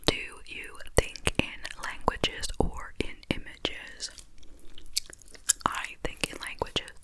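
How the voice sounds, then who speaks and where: Female ASMR host, fully whispered, tingly gum-chewing mouth sounds, idle musing delivery addressed to the listener. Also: slow pace. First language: English. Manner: rambling, musing, addresses viewers.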